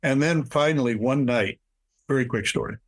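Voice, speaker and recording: A man's voice: moderate pace, low-quality recording. An older man, a guest speaker and author, telling stories in an interview and acting out quoted lines with big jumps in his voice. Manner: animated storyteller, acts out quotes with big pitch jumps. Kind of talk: storytelling interview chat.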